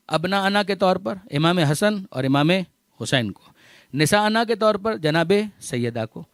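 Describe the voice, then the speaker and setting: High, lively-voiced male preacher. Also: dry recording, studio quality. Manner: explanatory, repeats key phrases, mixes in English terms; recites Arabic verses, then explains them. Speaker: religious scholar giving a majlis lecture. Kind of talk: Urdu religious sermon. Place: religious centre gathering.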